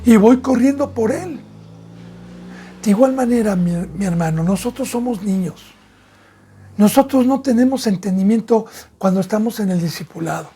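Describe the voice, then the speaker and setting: A man's voice: high-pitched, moderate pace, husky. A man, a pastor giving an emphatic sermon that leans into vivid storytelling. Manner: emphatic preaching, acting out shouted scenes.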